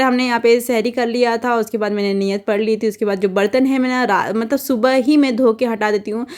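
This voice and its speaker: A young adult woman talks through her day in a relaxed, homely voice-over, as a mother showing her routine. Her voice sits a little high, and she rambles with fillers and restarts along the way. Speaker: vlogger and mother. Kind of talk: casual voice-over narration of a daily routine.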